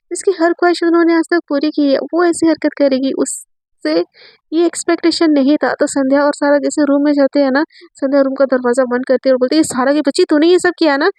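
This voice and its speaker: A woman's voice: high voice, mellow, no echo. A woman casually retelling a romance story, chatty, with many fillers and repeated words.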